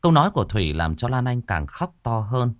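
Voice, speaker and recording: A man narrating a horror story in a slow, suspenseful storytelling manner. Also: mid-range voice, sing-song, no echo, studio quality.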